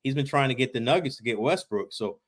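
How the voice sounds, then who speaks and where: A man's voice: mid-range voice, expressive, fast talker. Chatty man explaining basketball moves. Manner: conversational, explains at length with fillers. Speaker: podcast co-host. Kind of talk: casual sports chat.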